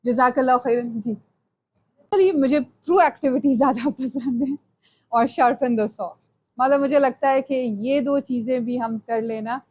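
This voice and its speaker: Female lecturer with a high voice, chatty and conversational, checks in with "okay?" often. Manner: conversational teaching, mixes English phrases, asks "ठीक है?". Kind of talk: live Islamic lecture to young women. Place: lecture hall.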